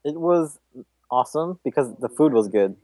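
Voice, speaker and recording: A man's voice: mid-range voice, expressive, normal speed, warm tone. A man guesting on a casual podcast, talking hesitantly with stammers and fillers. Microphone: computer mic over voice chat.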